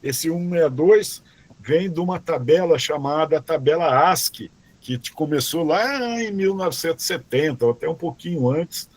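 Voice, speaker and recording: A man with a slightly high voice teaches an online robotics class, going through code slowly and patiently. He keeps checking in with "tá?" and "ok?", and he restarts and corrects himself as he reads commands aloud.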